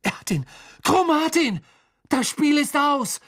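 A man's voice: extremely high pitch, animated, measured pace, a bit bright, dry recording, studio quality, voice pushed up, full character voice. A man voicing an eager teenage boy in an audiobook, cheering breathlessly.

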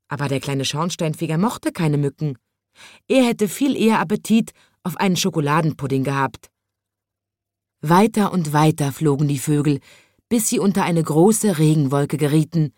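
A woman reading a children's story aloud in a gentle, measured telling. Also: low-pitched, no room sound, clean studio sound.

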